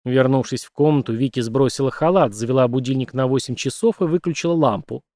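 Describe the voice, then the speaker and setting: Man, audiobook narration, steady even reading, mid pitch, dry sound. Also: quick pace, no room sound. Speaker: audiobook reader. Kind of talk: scripted narration.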